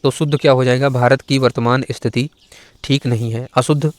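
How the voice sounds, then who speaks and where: A man's voice: medium pitch, steady tone, fairly quick, no room sound. A man the area, teaching grammar for an exam and correcting errors in a conversational, rhetorical way. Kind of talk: Hindi grammar lesson for exam prep.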